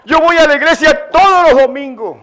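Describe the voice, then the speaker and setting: A man's voice: very high-pitched, normal speed, sharp tone, pitched above the performer's own voice. A man voicing a frightened male mountain climber who dangles from a branch and pleads for help. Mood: pleading.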